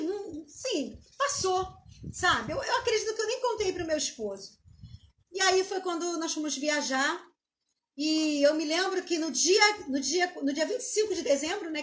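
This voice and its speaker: High-voiced Brazilian woman giving a halting testimony. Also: fairly bright tone. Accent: Brazilian Portuguese. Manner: emotional, halting, with many restarts and tag questions. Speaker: pastor. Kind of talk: live-streamed testimony.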